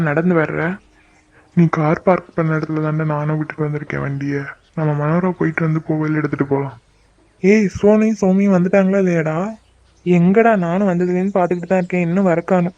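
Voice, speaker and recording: Brief: man playing a bantering cartoon lad, mellow voice, dull dry recording. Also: fairly high pitch, brisk, dry recording, lightly acted. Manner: banter, joking. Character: teasing young man chatting with friend. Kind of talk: cartoon dubbing.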